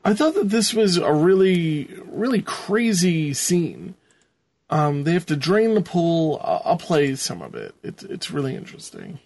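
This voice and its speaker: A man's voice: on the high side, sing-song, unhurried, a little mellow, slight background noise. A man hosting a podcast, recapping a show in casual, rambling conversation. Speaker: podcast host. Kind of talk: casual episode recap chat.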